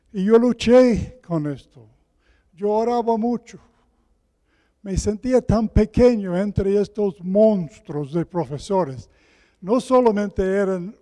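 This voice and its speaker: A man giving a sermon as a guest preacher, deliberate and repeating key phrases for emphasis, in a large hall with cathedral-like echo. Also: high-pitched, dark tone. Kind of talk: sermon with Bible reading. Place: large echoing hall with pews.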